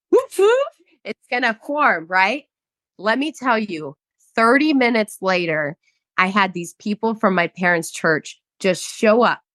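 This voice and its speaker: A woman hosts a podcast and tells her own story with frank, lively energy, swearing now and then. Her voice sits at an ordinary middle pitch. The sound is dry and close to the mic. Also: measured pace, no room sound. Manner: animated, candid, swears casually. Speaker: podcast host.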